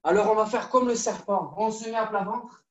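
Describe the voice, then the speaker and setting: A woman leading a children's judo class, coaxing and repeating each instruction in a lively way. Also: medium pitch, fairly quick, dull audio. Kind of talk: live online kids' class, story-led exercises. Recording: echoey room, far from the mic.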